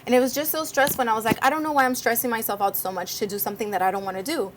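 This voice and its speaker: A young woman from Miami, born in Cuba, chats as a talk-show guest with a slightly high voice. She tells her stories in a lively way and acts out the voices in them, with faint noise behind her. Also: racing. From Cuba, raised in Miami. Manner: lively, animated storyteller, acts out quotes. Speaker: guest co-host, social media influencer. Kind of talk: casual talk-show chat.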